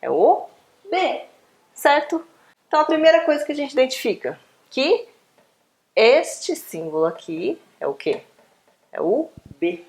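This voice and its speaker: A woman's voice: high voice, sing-song, measured pace, pauses often, darkish tone. A woman teaching a beginner Korean lesson online, patient and coaxing, checking in with questions constantly. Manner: patient, coaxing, asks questions with frequent tag words.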